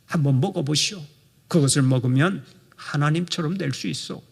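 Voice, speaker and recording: A man voicing a sly male devil who tempts with soft, wheedling persuasion. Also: on the high side, moderate pace, gravelly, husky, in a large hall.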